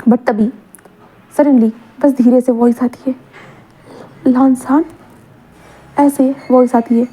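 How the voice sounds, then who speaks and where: A woman's voice: a little high, fairly even intonation, a little slow, dark tone, husky. A woman telling a story casually, repeating herself and mixing in English words. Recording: tinny phone-like audio.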